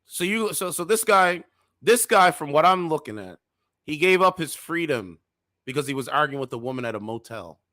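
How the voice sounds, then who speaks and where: A man in his thirties hosting reaction commentary, lecturing in a heated, preachy way with sudden loud outbursts. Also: on the high side, expressive, normal speed, no room sound, clean studio sound. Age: 30s. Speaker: commentary channel host.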